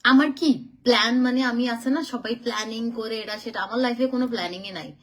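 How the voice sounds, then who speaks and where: A woman's voice: on the high side, racing. A woman from Chittagong chats on a live stream, answering viewer comments as she goes. She talks loosely and mixes in English phrases. She sounds a little tired from travelling. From Chittagong, Bangladesh. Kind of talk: casual live-stream chat.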